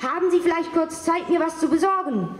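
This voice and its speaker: Woman voicing a male office boss, blunt, matter-of-fact, high voice, echoey hall. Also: fairly quick, crowd noise. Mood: casual.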